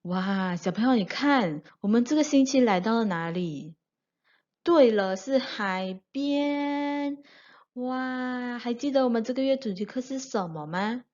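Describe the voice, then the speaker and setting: A woman's voice: on the high side, animated, measured pace, darkish tone, muffled recording. A woman teaching a children's class in an exaggerated sing-song manner, as if talking to a toddler. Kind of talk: children's lesson addressed to young kids.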